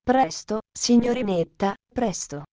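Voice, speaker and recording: A woman playing a brisk, good-humoured butler. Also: on the high side, mellow, no room sound. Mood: hurried. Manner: hurried, brisk. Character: loyal male butler, hurried and good-humoured.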